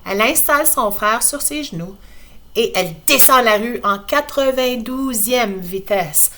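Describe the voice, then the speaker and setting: A woman teacher with a Quebec accent reading a picture book aloud to her class, lively and expressive with playful asides. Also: on the high side, a little slow, slight background noise. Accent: Quebec French.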